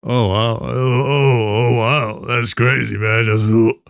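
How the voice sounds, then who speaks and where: A man doing a mocking, overblown deep-voiced streamer, dropping far below his usual pitch into a forced rumble. The delivery is exaggerated and teasing, recorded close and dry. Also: steady tone, takes it slowly, gravelly, no echo.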